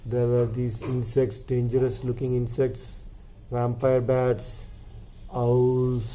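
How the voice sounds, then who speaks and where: A man telling a children's story to his kids, animated and stopping to ask them questions. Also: medium pitch, slow, slight background noise, poor audio. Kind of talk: bedtime storytelling.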